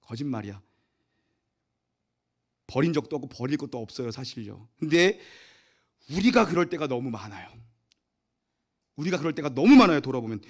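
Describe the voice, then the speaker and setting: Male pastor, rapid-fire animated sermon delivery with a slightly raised pitch. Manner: animated, acts out voices and swings from loud to soft. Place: church sanctuary.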